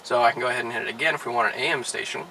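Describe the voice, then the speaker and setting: Bright-voiced man demonstrating casually. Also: medium pitch, rapid-fire, creaky, a little hiss or hum, poor audio. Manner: relaxed, with frequent "all right" and "uh" fillers. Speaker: car dealership product specialist. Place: inside a car.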